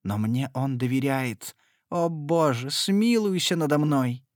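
A man's voice: fairly high pitch, normal speed, no echo, clean studio sound, voice pushed up, natural voice. A man voicing a frightened young noblewoman who pleads tearfully and imploringly. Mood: pleading, distraught.

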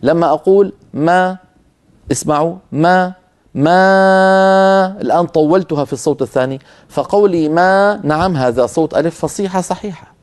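A man teaching Quran recitation in a filmed lecture. He sounds out letters slowly and repeatedly and speaks directly to his listeners as brothers and sisters. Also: a little high, darkish tone. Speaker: tajweed teacher. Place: filmed lesson with a camera crew.

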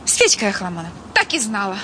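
A woman's voice: mid-range voice, very animated, quick pace, pushed and bright. An actress playing a chatty, exasperated housing-office dispatcher in a crime drama, plain-spoken and complaining, with street noise around her. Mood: exasperated, nosy. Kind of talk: screen crime drama acting. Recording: clear outdoor street and traffic noise.

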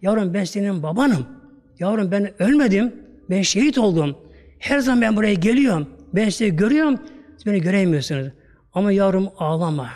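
A man's voice: high-pitched, animated, a little fast, a little mellow, long reverb tail. A man voicing the spirit of a martyred father who speaks tenderly to his child and keeps calling him "my child.". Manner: tender, pleading, repeats "my child". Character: dead martyr father, gentle and loving.

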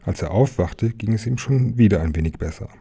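Deep, dark-voiced man reading a story. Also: animated, brisk, vocal fry, husky. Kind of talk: reading a children's book aloud.

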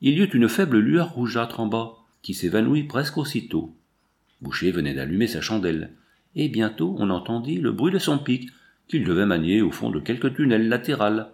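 A man narrating a novel aloud in a measured, literary storytelling manner. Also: lowish voice, big pitch swings, gravelly, a little mellow. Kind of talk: audiobook reading of a novel.

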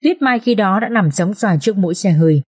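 A woman narrating a family drama audiobook in an expressive, emotional reading. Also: medium pitch, quick pace, husky.

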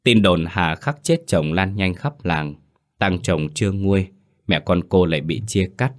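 Deep-voiced male storyteller, solemn. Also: a little slow. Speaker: narrator. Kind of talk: scripted folk-tale narration.

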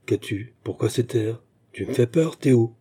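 A man's voice: mid-range voice, normal speed, warm tone, husky, natural voice. A man voicing a frightened young woman who pleads timidly with her angry brother in a read-aloud story. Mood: uneasy.

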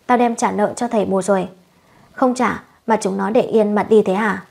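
A woman's voice: medium pitch, steady tone, moderate pace, creaky, darkish tone, husky. A woman doing a blustering lazy husband. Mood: defensive.

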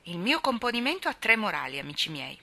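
A prim, bossy little girl , as a woman reading puts her on, lays out her moral lessons to her friends. The storybook voice sounds very bright. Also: medium pitch, very animated, fast talker, creaky, exaggerated voice.

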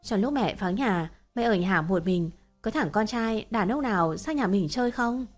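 A woman's voice: medium pitch, lively intonation, moderate pace, faint music behind, close to an everyday voice. A woman voicing a distraught middle-aged mother who pleads and wails. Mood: stern. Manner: pleading and wailing.

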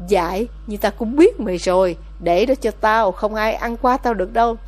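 A woman voicing a greedy, hot-tempered older village mother who scolds loudly and harshly in a storybook reading. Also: medium pitch, normal speed, soft background music, natural voice. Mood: scheming.

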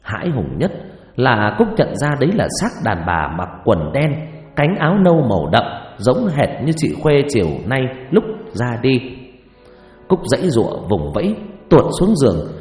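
A man's voice: medium pitch, wildly swooping pitch, normal speed, a little mellow. Give me a male storyteller reading a suspenseful ghost story in a roomy, echoey recording. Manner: dramatic, suspenseful delivery. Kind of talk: scripted ghost-story narration. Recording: echoey reverb with faint music.

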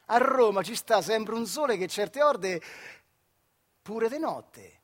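An old factory worker telling wry rambling stories, fairly high voice, radio stage monologue. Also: male voice, lively intonation, slow pace, full character voice. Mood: wry reminiscing. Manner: rambling, folksy storytelling with dialect turns.

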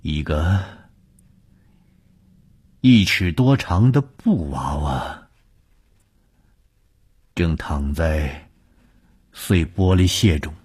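A man narrating a scripted ghost story with a measured, suspenseful delivery. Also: rumbling low, lively intonation, a little mellow, husky.

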